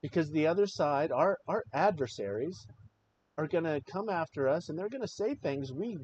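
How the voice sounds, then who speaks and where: A man's voice: a little high, expressive, moderate pace, a little mellow. A man hosting a live show, giving impassioned, emotional political commentary and swearing freely. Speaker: livestream show host. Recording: slightly dull audio with faint noise.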